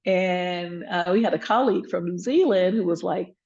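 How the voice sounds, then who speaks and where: A woman's voice: on the low side, moderate pace, darkish tone, slightly rough, lo-fi sound. A woman leading a laid-back workshop, chatty, with lots of fillers and restarts. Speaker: workshop presenter, emergency physician.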